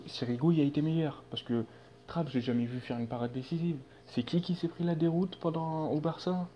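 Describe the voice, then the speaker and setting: A man running a football vlog, talking in a casual, rambling way with many restarts and fillers. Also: mid-range voice. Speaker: football channel vlogger. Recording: dull lo-fi sound with faint hum.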